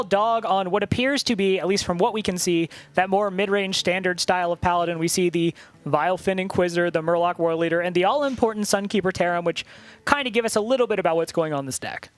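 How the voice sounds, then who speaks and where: A man casting a card game tournament, talking through plays with quick joking banter. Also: high voice, a bit bright. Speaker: esports caster. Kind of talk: play-by-play commentary.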